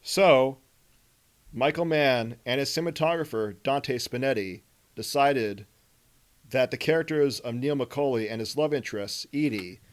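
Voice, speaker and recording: A man with a medium-pitched voice hosts a film podcast, unhurriedly rambling through movie trivia with lots of fillers in a casual film discussion.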